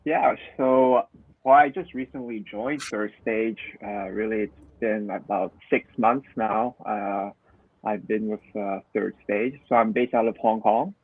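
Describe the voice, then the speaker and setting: A man, an ERP consultant introducing himself on a panel over a video call in a steady, conversational way. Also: fairly low pitch, measured pace. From Canada. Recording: tinny dry phone-like call audio.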